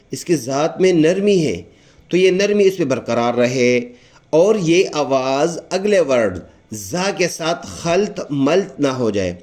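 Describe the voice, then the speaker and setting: A man with a Pakistani Urdu accent giving a patient recitation lesson, explaining each letter and repeating it slowly and drawn out. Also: a little high, darkish tone. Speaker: Quran recitation teacher.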